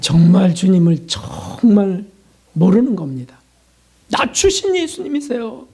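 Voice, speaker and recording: A man's voice: high-pitched, sing-song, unhurried, mellow, husky. A male pastor giving a sermon in a conversational way, asking rhetorical questions and acting out short prayers and dialogues.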